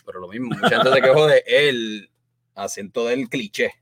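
A man's voice: medium pitch, normal speed, over a noisy crowd. A man co-hosting a casual film review podcast, teasing and reading out viewer comments. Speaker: podcast co-host.

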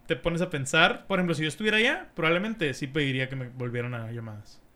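A man's voice: a little high, fast, sharp tone. A young Mexican man with a Mexican accent, a streamer chatting casually in a rambling, slangy, profane way. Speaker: streamer and podcast host. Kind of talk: casual chat.

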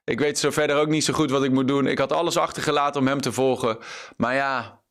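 A man's voice: medium pitch, steady tone, fast, fairly bright tone, natural voice. A man voicing Peter as a discouraged man who is hesitant and resigned. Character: Peter, a discouraged man gone back to fishing.

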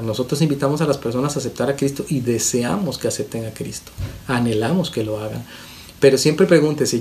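A man's voice: medium pitch, darkish tone. A man, a pastor and counselor teaching, emphatic, stacking rhetorical questions and repeating words for stress.

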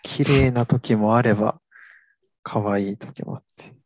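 A man's voice: lowish voice, fairly even intonation, measured pace, dry recording. A young man in casual conversation who reacts often with short replies and laughs easily. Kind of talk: casual chat.

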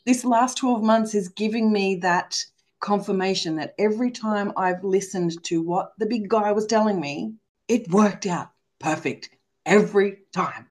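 A middle-aged woman from Australia chatting as a podcast guest, animated and acting out her inner voices. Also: mid-range voice, a little slow. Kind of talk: casual spiritual chat.

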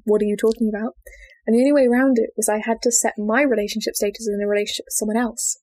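A woman's voice: on the high side, fairly even intonation, rapid-fire, darkish tone. A young woman co-hosting a casual chat, telling stories and laughing often. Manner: chatty, laughs often, acts out quoted family members. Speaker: podcast co-host.

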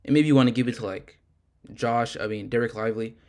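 A man's voice: medium pitch, steady tone, fast, darkish tone. A man co-hosting a casual sports podcast, rambling and correcting himself as he talks. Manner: loose, rambling, self-correcting. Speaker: podcast co-host.

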